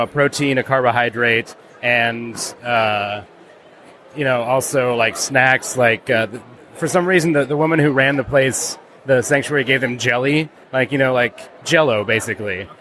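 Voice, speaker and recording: Brief: mid-pitched man, loose rambling talk, faint ambient noise behind. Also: bright, forceful tone. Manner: rambling, lots of "like" and restarts. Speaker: comics creator. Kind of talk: casual interview answers.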